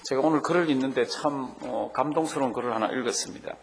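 Male pastor, mid-pitched, preaching and retelling a story in a church. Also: a little hiss or hum. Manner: earnest storytelling with frequent pauses and fillers. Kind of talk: sermon.

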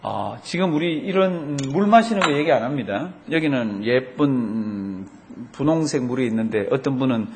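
A man's voice: mid-range voice, animated, moderate pace, a little mellow, slight background noise. A male pastor preaching a sermon to his congregation, asking them rhetorical questions and drawing out the Bible verses he quotes.

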